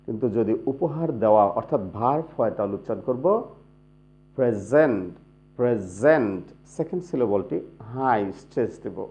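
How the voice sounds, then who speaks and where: A man's voice: mid-range voice, lively intonation, fast, hardly any pauses, mellow. A man giving a spoken English grammar lesson, explaining step by step and repeating example words to show pronunciation. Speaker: English teacher. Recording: dull lo-fi sound.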